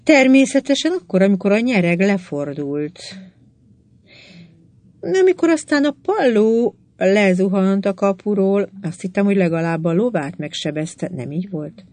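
A woman's voice: mid-range voice, expressive, darkish tone, voice pushed up, lightly acted. A woman reading an audiobook, voicing a proud, scheming Indian queen who speaks boldly and frankly, teasing and passionate by turns. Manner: passionate, teasing, then pleading.

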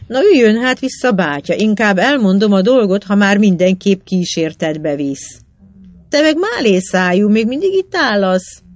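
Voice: mid-range voice, animated, no room sound, lightly acted. A reader doing Bibók, a sly grinning schemer. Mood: boisterous. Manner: wheedling, boastful, grinning talk. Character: sly, jovial male schemer in an old tavern. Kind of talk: audiobook character reading.

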